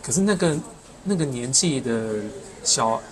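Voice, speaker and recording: A man's voice: medium pitch, lively intonation, a little slow, a crowd in the background, rough recording. A middle-aged man co-hosting a podcast, musing hesitantly in casual chat and trailing off. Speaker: podcast co-host.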